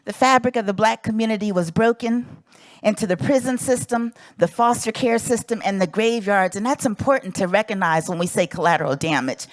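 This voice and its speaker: A woman's voice: mid-range voice, fairly quick, dry recording. A middle-aged woman from South Central Los Angeles giving an earnest, emphatic prepared speech as an invited advocate.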